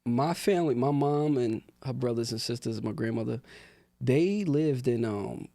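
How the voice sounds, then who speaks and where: A young rapper from Newark, New Jersey, appears as a podcast guest, chatting casually in an interview with relaxed, laid-back street talk and plenty of fillers. His voice is medium-pitched with vocal fry, at normal speed, with no room sound.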